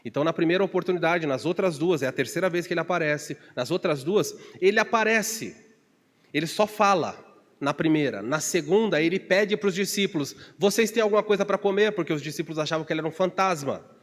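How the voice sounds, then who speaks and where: A man preaching a Bible study as pastor, telling stories with digressions and humor and acting out shouted calls with big pitch jumps. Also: fairly quick, in a large hall. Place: church.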